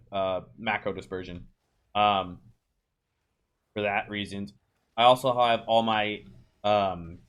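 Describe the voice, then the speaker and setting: A man's voice: on the low side, a bit bright. A man giving a casual voice-over tutorial for a video game, talking loosely to his viewers with plenty of ums, uhs and restarts. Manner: loose and chatty, many ums and restarts, talks to viewers as "you guys". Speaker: game guide creator and streamer.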